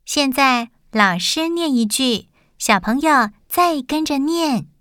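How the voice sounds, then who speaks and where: A woman teacher giving a slow phonics lesson to young children, reading words out deliberately and enunciating carefully for repetition. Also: high voice, animated, fairly bright tone, slight background noise.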